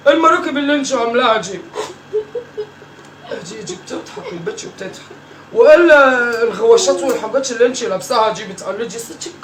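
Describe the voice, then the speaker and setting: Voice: medium pitch, expressive, fast talker, close to an everyday voice. A performer playing a teasing, bossy old Egyptian grandmother who scolds her grandchildren, repeating herself in a comic family sketch. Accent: Egyptian Arabic. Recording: roomy echo, from far off, faint noise.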